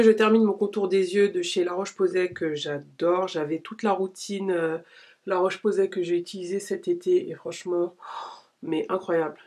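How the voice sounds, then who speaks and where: Filmed at home in natural daylight, this late-30s beauty vlogger rambles in slangy, casual vlog chat as she goes through her skincare. She speaks at a fairly low pitch, with a slightly mellow quality.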